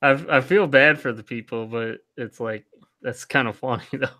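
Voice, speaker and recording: A man's voice: medium pitch, moderate pace, bright, forceful tone. A man co-hosting a tech podcast, talking casually and hesitantly, full of "like" and "you know". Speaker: podcast co-host.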